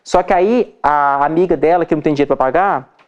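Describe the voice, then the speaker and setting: A man's voice: a little high, brisk, clear, resonant tone, dull audio. A man with a Brazilian Portuguese accent, a dermatologist teaching other doctors in an informal lecture, chatty and checking in with his listeners often. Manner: chatty, checks in with frequent "tá?" and "entendeu?"; acts out examples with shifting voice.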